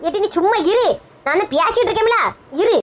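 A woman's voice: very high-pitched, brisk. A woman with a Kanyakumari Tamil accent playing a bossy, protective elder sister in a comedy skit, scolding and urgent.

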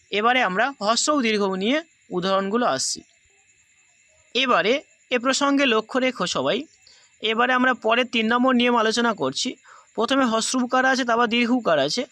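A man's voice: extremely high pitch, sharp tone, no echo. A man teaching a grammar lesson with a Bengali accent, patiently repeating each rule step by step for his students.

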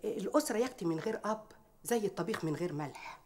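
An actress playing a bold, sharp-tongued working-class maid who speaks Egyptian Arabic, full of proverbs and mockery. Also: female voice, medium pitch, expressive, rapid-fire, very noisy, lightly acted. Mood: sly, wheedling. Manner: proverb-heavy, mocking, loud when riled. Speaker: maid confronting a rich wife.

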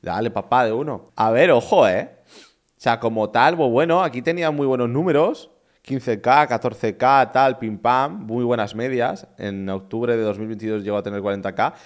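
Un hombre joven de España, streamer, comentando en directo con entusiasmo y muchas repeticiones desde su cuarto. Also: male voice, medium pitch, normal speed. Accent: Spain Spanish. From Spain. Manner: enthusiastic, repetitive, chatty. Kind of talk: casual live-stream commentary. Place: his own room.

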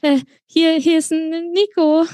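Nervous young werewolf guy, put on by a woman, high and stammering, halting broken phrases, dry close sound. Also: flat delivery, a little mellow, no echo. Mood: panicky. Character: timid young male werewolf, panicky and stammering.

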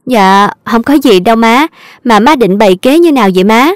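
A woman's voice: a little high, lively intonation, moderate pace, dry recording, studio quality, lightly acted. A woman with a Southern Vietnamese accent voicing a scheming young daughter-in-law who whines and pleads. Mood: sweetly curious. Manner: whiny, pleading. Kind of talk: audio drama reading.

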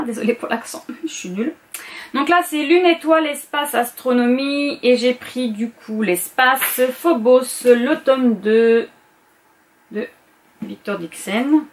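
Chatty woman listing her reading picks. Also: sits high. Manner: chatty, hesitant, corrects herself often. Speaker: book vlogger. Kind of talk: casual book list vlog.

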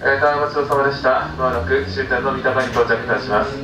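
A man's voice: mid-range voice, steady tone, fast talker. A man working as a train conductor makes onboard announcements in a clipped, formulaic way with small hesitations. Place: inside a train carriage, over the announcement speakers. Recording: distant, echoey, loud train noise.

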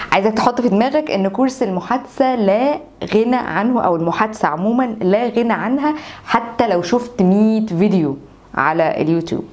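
A woman's voice: fairly high pitch, darkish tone. Egyptian woman teaching English basics. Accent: Egyptian Arabic. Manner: slow repeated example sentences for learners to copy. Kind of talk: online language lesson.

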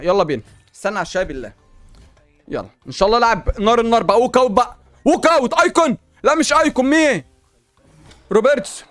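A man with an Egyptian Arabic accent giving excited commentary while opening packs in a video game, exclaiming and talking back to the game. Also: high voice, dry recording. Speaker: gaming YouTuber.

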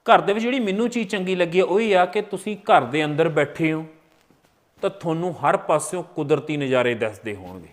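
A man with a Punjabi accent and a slightly high voice hosts a casual house tour. He talks in a folksy, joking way and exclaims with admiration as he chats. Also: expressive, a little fast. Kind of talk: casual on-location chat, touring a house.

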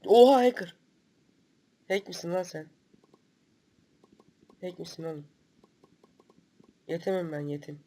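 A man with a cold and a stuffy nose, hosting excitable gameplay commentary, swearing and breaking into loud outbursts. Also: on the high side, a little slow, long pauses. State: sick with a stuffy nose and cough. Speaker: gaming channel host.

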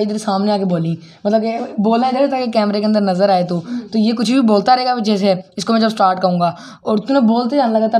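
A man's voice: sits high, darkish tone. A man, chatting to viewers in a casual unboxing and mic-test vlog. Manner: chatty, talks straight to viewers, many fillers. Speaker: vlogger.

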